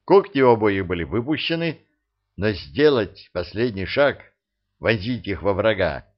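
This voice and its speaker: A man narrating a humorous fantasy audiobook, bringing the characters to life in an expressive reading. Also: lowish voice, unhurried, dull audio. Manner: expressive storytelling, acting out the characters. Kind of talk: scripted narration.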